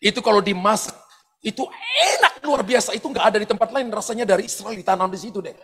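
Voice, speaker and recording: A pastor telling personal stories in a sermon, animated, often shouting out quoted lines and laughing as he goes. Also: high-pitched, fast, background noise. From eastern Indonesia. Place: large church hall. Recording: long hall reverb from church sound system.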